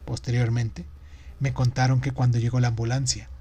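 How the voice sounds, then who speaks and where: A man reading a novel aloud in steady, measured audiobook narration. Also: medium pitch, husky.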